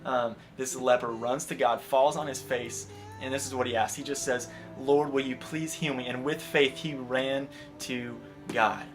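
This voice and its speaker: Young male preacher, earnest sermon, mid pitch, guitar playing underneath. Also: steady tone, measured pace, hardly any pauses. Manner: earnest, builds to impassioned emphasis then drops soft.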